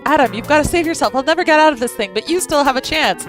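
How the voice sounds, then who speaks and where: Woman voicing an anxious high-pitched game dolphin. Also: animated, quick pace, fairly bright tone, faint music behind. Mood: urgent pleading. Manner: urgent, dramatic pleading. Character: anxious, self-sacrificing young male dolphin friend. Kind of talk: reading game dialogue aloud.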